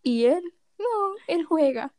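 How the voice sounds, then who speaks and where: A woman's voice: high-pitched, takes it slowly, dark tone, no echo. A young woman host, chatting playfully and tossing in English exclamations. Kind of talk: casual chat.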